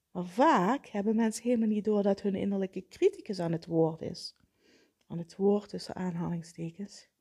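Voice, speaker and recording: Woman therapist, mellow husky tone, calm explainer; slows to stress key points. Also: mid-range voice. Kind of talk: explanatory talk on self-help.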